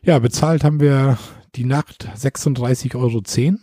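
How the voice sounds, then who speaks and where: A man's voice: mid-range voice, normal speed, mellow, no room sound, studio quality. A man co-hosting a podcast, telling a long rambling anecdote in casual chat. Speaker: podcast co-host.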